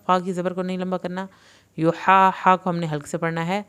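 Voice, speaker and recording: A woman with an Urdu accent teaching tajweed, alternating clear explanations with slow, drawn-out recitation. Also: on the low side, little pitch movement, fairly bright tone.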